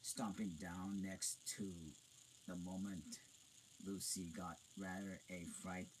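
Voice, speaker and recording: A man reading a novel aloud, halting and stumbling over words with frequent restarts. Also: sits low, completely flat delivery, slight background noise, rough recording. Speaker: reader.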